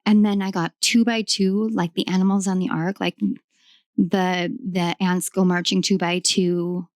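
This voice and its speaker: A young woman whose hoarse, raw voice sits on the lower side and barely moves in pitch records close and dry at home, with no echo. Reading tarot casually to camera, she rambles affectionately, uses many ums, and talks to her pets.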